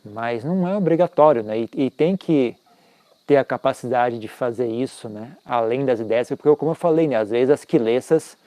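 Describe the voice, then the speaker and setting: A man's voice: mid-range voice, normal speed, warm tone, no room sound. A man teaching Buddhism in an informal, conversational talk, often tagging his sentences with questions and making self-mocking asides.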